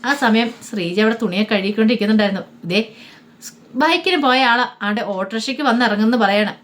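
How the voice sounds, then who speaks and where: Lady retelling a tv serial, fast and chatty. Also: on the high side. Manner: brisk conversational retelling. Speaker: storyteller.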